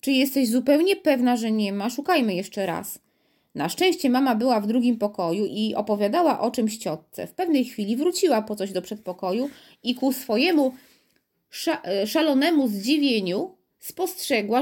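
A woman narrating a children's audiobook in a steady storytelling manner, voicing the dialogue herself. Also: on the high side, husky.

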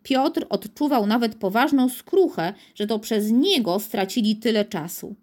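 A woman narrating a children's storybook in an expressive, measured reading. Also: on the high side.

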